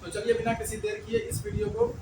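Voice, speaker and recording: A man with a high voice gives a patient beginner language lesson, asking questions and answering them himself. He sounds set back from the mic in an echoey room. Clear traffic noise runs behind him. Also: sing-song, a little fast, recorded from a distance. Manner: patient, asks and answers his own questions, repeats key words. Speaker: Urdu teacher.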